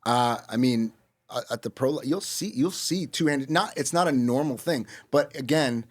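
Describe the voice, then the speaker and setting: A man's voice: medium pitch, normal speed. A man co-hosting a podcast in casual chat, boastful and rambling with lots of fillers. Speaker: podcast co-host.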